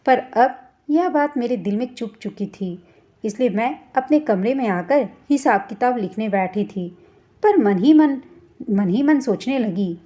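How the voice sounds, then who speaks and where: A woman's voice: fairly high pitch, expressive, a little slow, dark tone, highs cut off. Woman telling a heartfelt family story. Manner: earnest, emotional storytelling. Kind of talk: first-person story narration.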